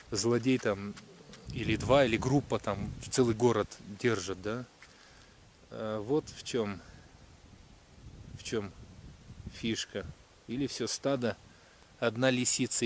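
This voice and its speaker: A man vlogging outdoors in the countryside, musing on faith in a hesitant way, with many pauses and fillers. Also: mid-range voice, a little mellow, slight background noise. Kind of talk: casual spiritual musing to camera. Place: outdoors in a rural area.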